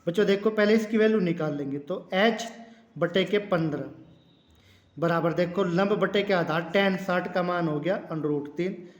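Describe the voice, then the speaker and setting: High-voiced male math teacher, echoey room. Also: normal speed. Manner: explains step by step, addressing the students as "children"; repeats key words, clears throat now and then. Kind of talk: classroom math lesson.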